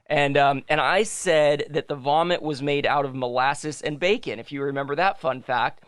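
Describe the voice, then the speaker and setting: A young man in easy podcast chat, his voice sitting a touch high. He rambles, catches his own slips and laughs along the way. The sound is dry and close, with no room around it. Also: normal speed, fairly bright tone, clear, resonant tone, no echo. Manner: rambling, self-correcting, laughs often. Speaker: podcast co-host. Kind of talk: casual chat.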